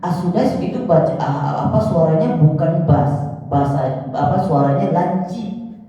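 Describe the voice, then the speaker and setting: A man teaching Quran recitation in a mosque, explaining slowly and breaking into melodic chanted examples. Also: on the high side, warm tone. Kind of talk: religious lesson with chanted examples. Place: large mosque hall. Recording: dull echoey hall from far off.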